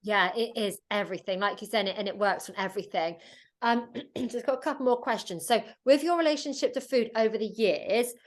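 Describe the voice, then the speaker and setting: A woman's voice: mid-range voice, a little fast. A woman hosting a podcast, asking loosely phrased questions in a chatty, conversational way. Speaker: podcast host. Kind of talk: conversational interview.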